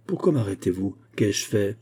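A man's voice: lowish voice, lively intonation, normal speed, warm tone, slightly rough. A man reading as a proud, weary male superintendent, cold and dignified in defeat, in an audiobook. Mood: resigned.

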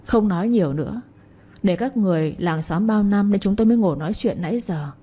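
A woman's voice: medium pitch, fast talker, mellow, slightly rough, lightly acted. A woman voicing a proud middle-aged village mother who speaks in a curt, accusing way. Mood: hostile.

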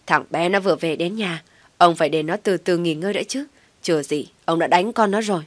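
A woman's voice: fairly low pitch, a little fast, no room sound, lightly acted. A woman voicing a doting, reproachful older mother. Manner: reproachful pleading. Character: doting older mother defending her son.

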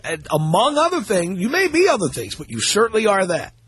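A man's voice: sits high, wildly swooping pitch, brisk, fairly bright tone. A man hosting a call-in radio show, mocking and arguing with a caller and cutting in constantly. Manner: mocking, argumentative, interrupts constantly. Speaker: radio talk show host. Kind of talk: combative call-in radio talk.

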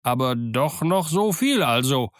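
A man's voice: mid-range voice, normal speed, fairly bright tone, smooth, no echo, clean studio sound, natural voice. A man voicing a grumbling male pirate crewman who sounds sulky and defensive.

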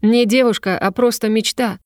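Lady doing a cocky joking young guy, a bit higher, dry booth sound. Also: fairly even intonation, normal speed, darkish tone, no room sound, natural voice. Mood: teasing.

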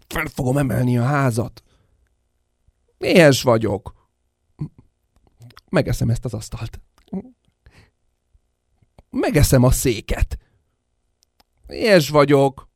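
A man voicing a giant newborn baby boy who stammers his first words and then booms with hunger, in a radio play. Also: gravelly, warm tone, no echo, clean studio sound. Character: giant newborn male baby, hungry, wild.

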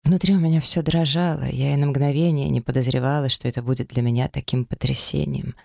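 A man's voice: mid-range voice, steady tone, fast, gravelly, a little mellow, no room sound, clean studio sound. A man reading a first-person story as an audiobook narrator, dramatic and emotional.

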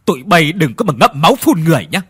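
Man doing a shrill wicked older matron. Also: very animated, fast talker, faint music behind. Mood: scolding. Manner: shrill, scolding.

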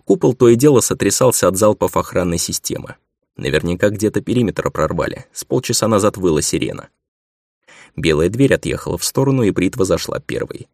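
A man reading a science fiction audiobook in a measured, subdued narration. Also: low-pitched, animated, creaky, darkish tone, dry recording, studio quality. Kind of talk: scripted narration.

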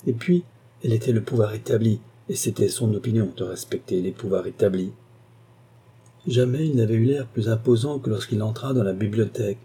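A man reading a classic novel aloud as narrator, with measured, even delivery. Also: fairly low pitch, slightly rough. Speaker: audiobook narrator. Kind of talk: scripted narration.

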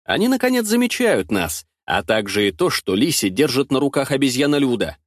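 A man narrating a first-person fantasy audiobook in a lively, wry storytelling manner. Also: mid-range voice, brisk, no room sound, studio quality.

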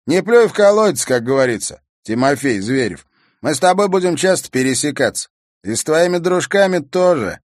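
A man's voice: on the high side, very animated, normal speed, no echo, studio quality, voice pushed up. A man voicing an arrogant, sneering young male bully in an audiobook. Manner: sneering, mocking.

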